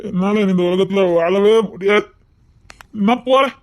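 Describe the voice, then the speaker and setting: A woman's voice: medium pitch, a little slow, lightly acted. A woman doing a drunk heartbroken young man. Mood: despairing. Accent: Tirunelveli Tamil. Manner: faltering, stammering, pleading. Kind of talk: amateur dramatic dialogue.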